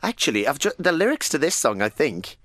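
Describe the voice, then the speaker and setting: A man's voice: on the high side, very animated, fairly bright tone, no room sound, studio quality. A man co-hosting a podcast, telling stories in casual banter with frequent laughter. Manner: giggly, quick storytelling. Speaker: podcast co-host.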